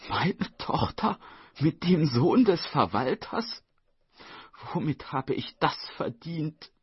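A prim, indignant mother shrieks her shock in high, sharp outbursts, as a husky-voiced male narrator puts her on. Her pitch leaps and falls freely. The voice is dry and a little dull, like a studio voice-over. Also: sing-song, a little slow, dry recording, full character voice. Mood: wailing. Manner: shrill, scandalized outbursts. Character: prim upper-class Korean mother, indignant.

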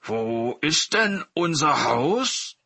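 A man voicing a big male tiger that is hungry yet gullible and soft-hearted. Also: a little high, very animated, drawn-out words, slightly rough, no room sound, pitched above the performer's own voice, full character voice. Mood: curious. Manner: wondering, emotional.

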